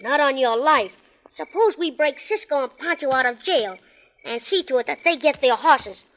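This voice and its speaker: A woman playing a cool, calculating Western outlaw boss who talks briskly and gives orders. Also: sits high, animated, fairly bright tone, a little hiss or hum. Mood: scheming.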